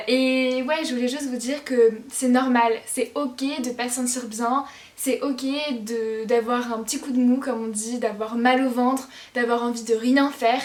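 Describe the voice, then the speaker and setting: High-voiced teenage girl vlogging. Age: teens. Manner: chatty and reassuring, with frequent hesitations. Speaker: lifestyle vlogger. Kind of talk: casual talk to camera. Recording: roomy echo.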